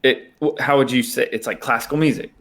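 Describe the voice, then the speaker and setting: A man's voice: medium pitch, fairly quick, fairly bright tone. Rambling, laughing male podcast co-host. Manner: rambling, laughs often, restarts sentences. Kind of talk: casual chat.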